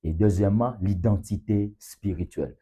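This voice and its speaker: A man preaching a sermon with emphatic rising bursts, quiet asides and occasional Lingala phrases. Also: on the low side, normal speed, slightly rough.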